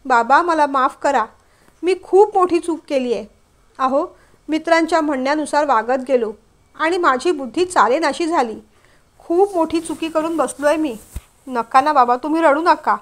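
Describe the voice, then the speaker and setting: A guilty teenage boy begs his parents to forgive him, his voice tearful and pleading, as a woman acts him out in a storybook reading. The voice sits high. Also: moderate pace, lightly acted. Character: remorseful teenage son begging forgiveness.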